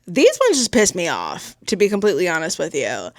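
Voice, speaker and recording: A woman's voice: fairly low pitch, wildly swooping pitch, brisk, no echo, clean studio sound. A woman and mother vlogging casual reactions to her reading, talking emphatically and exclaiming straight to her viewers. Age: adult mother. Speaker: book vlogger.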